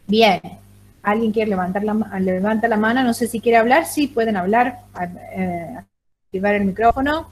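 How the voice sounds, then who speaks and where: A woman's voice: medium pitch, normal speed, slight background noise. A woman whose first language is Greek, giving an online lecture on the language to a general audience, hesitant and full of fillers, on a video call. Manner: hesitant, many fillers and restarts.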